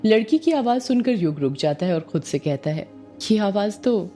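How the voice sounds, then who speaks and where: Mellow, low-voiced woman storyteller. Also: fairly quick, faint music behind. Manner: calm, descriptive. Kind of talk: scripted story narration.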